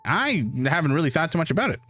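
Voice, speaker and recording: A man voicing a tiny, cheeky ant from a hive mind in a squeaky little voice, as he reads a fantasy game aloud. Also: sing-song, fast, fairly bright tone, no echo. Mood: earnest. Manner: cheeky, defensive, talks of itself as we. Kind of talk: voicing a game character while reading aloud.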